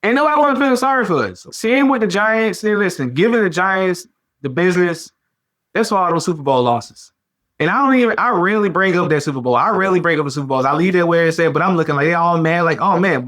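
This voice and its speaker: A man hosting a sports podcast, talking in a casual, animated way with slang and lots of repetition. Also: a little high. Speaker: podcast host.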